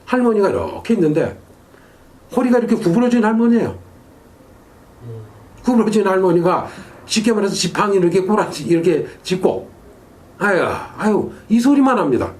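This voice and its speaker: Animated, emphatic male shaman storyteller. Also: high voice, fairly quick. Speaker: shaman and exorcist. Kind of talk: storytelling monologue.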